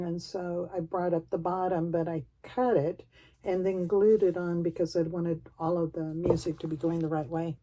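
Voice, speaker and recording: Warm and lowish, a middle-aged woman's voice rambles casually as she flips through a craft journal, folksy and a bit self-deprecating. A slight background noise sits under this craft vlogger's chat.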